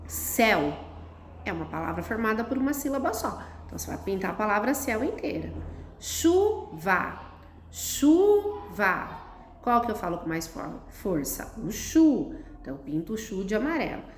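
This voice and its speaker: A woman's voice: medium pitch, very animated, fast, hardly any pauses. A woman teacher, patiently explaining a lesson to children step by step and checking in with "tá?". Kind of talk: recorded classroom lesson for children. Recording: echoey room, faint noise.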